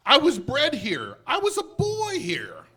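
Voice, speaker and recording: A woman voicing an old miserly man in a storybook reading, crying out his lines loudly and fervently with a husky tone. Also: lowish voice, very animated, unhurried, voice pushed down. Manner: loud, fervent exclamations. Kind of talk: audiobook character voice.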